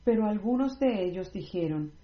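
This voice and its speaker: A woman reading scripture aloud in a measured, scripted way, with no commentary. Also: medium pitch, animated. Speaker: Bible reader. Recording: roomy, slightly dull recording.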